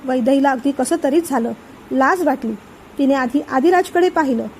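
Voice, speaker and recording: उंच आवाजातील कथा वाचणारी स्त्री. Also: female voice, high-pitched, normal speed, a little mellow, slight background noise, rough recording. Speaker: storyteller. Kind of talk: scripted story narration.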